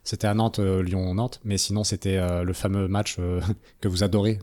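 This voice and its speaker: A man's voice: low-pitched, level tone, moderate pace, darkish tone. A young man hosting a casual football podcast, asking his friends questions in a loose, chatty way and laughing easily. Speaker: podcast host. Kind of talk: casual chat.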